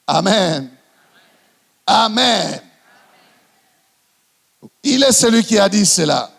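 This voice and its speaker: Male pastor, impassioned sermon, shouting then hushed, long echoing church reverb. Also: high-pitched, lively intonation, very slow, gravelly.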